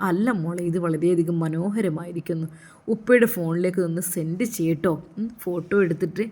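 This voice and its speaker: A woman acts out a loving older father in a spoken storybook, soft and coaxing with every word. The voice stays low and warm, close to the narrator's own. It carries a Malappuram Malayalam accent. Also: a little fast, husky. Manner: affectionate, coaxing.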